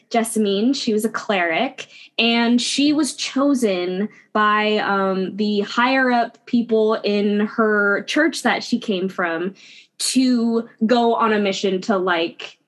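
A woman's voice: mid-range voice, slow, fairly bright tone. A young woman teaching an online class over a video call, chatty and upbeat with lots of "like" and "um". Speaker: guest instructor.

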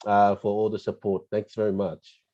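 Low, halting man in dull lo-fi audio. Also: little pitch movement, mellow. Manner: hesitant, halting, polite. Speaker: interview guest, tourism representative. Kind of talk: unscripted interview answers.

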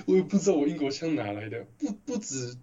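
A man's voice: fairly high pitch, sing-song, brisk, warm tone. A man, co-hosting a podcast in casual chat, mostly giving short agreeing replies. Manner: brief agreeing replies, laughs easily. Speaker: podcast co-host. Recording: slightly muffled audio.

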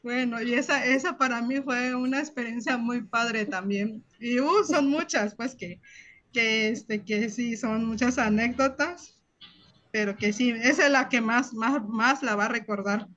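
A woman, a host mother, telling anecdotes in an animated way and acting out the voices of people she quotes. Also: a little high, a little slow. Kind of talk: storytelling anecdotes. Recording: dull lo-fi sound.

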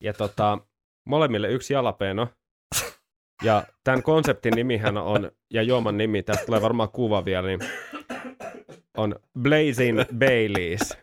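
A man's voice: on the low side, slight background noise. A man co-hosting a podcast, explaining things in an easygoing, casual way. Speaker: podcast co-host. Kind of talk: casual chat.

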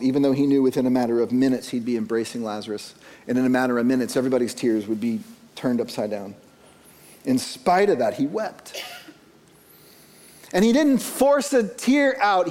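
A man preaching a sermon as pastor, slow and deliberate, dropping soft and then rising with emphasis. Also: mid-range voice, big-room sound.

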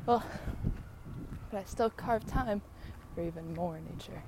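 A woman's voice: fairly low pitch, a little slow. A young American woman in casual, rambling solo chat, musing and effusive as she talks outdoors on a walk. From San Diego, United States. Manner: musing and effusive, laughs easily. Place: outdoors on a walk near traffic. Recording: outdoor traffic noise, passing vehicles. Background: passing trucks and ambient noise.

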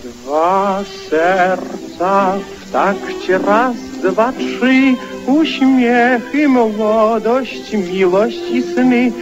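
A man singing a waltz song as a tenor, heard on an old worn archival tape recording. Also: very high-pitched. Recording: dull lo-fi archive recording with band.

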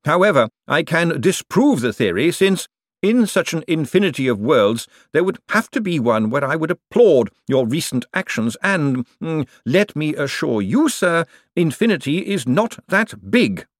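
A man's voice: on the high side, sing-song, moderate pace, dry recording, clean studio sound, voice pushed up. A man playing a pompous middle-aged male chief clerk who speaks icily and disdainfully, with a hesitant "mm" before his replies. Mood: icy.

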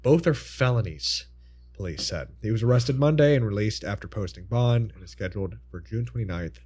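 A man's voice: fairly low pitch, brisk, husky. A man hosting a podcast, telling odd news in a chatty way over a voice call. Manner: lively, chatty storytelling with laughs. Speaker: podcast host. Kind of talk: casual chat on a call.

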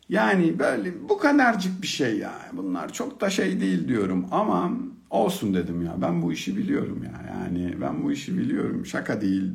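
A middle-aged man telling a humorous personal story about being a father, in an expressive, colloquial manner. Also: mid-range voice, gravelly. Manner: expressive, humorous, colloquial, swings from hushed to excited. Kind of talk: storytelling talk.

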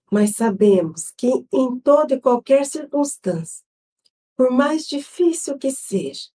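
A Brazilian woman hosting an online Spiritist gospel study, leading an opening prayer and reading a devotional text in a solemn, measured way. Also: mid-range voice, warm tone. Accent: Brazilian Portuguese. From Brazil, São Paulo state.

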